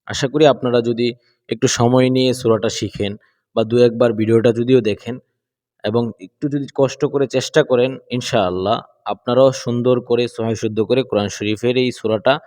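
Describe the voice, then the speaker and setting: A man teaching Quran recitation, chanting verses slowly and explaining pronunciation patiently. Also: mid-range voice, fairly even intonation, a little mellow. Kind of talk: slow recitation lesson with explanations. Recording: long hall reverb.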